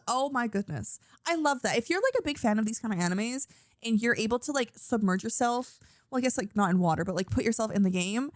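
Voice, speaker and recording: A woman's voice: on the high side, no echo. Bubbly young woman co-hosting, dry sound. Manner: bubbly, giggly, full of "like". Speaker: podcast co-host. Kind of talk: casual chat.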